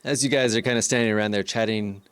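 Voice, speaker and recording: A man's voice: on the low side, steady tone, quick pace, clear, resonant tone, dry recording. A man running a tabletop game as game master, narrating casually. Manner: casual, laid-back narration.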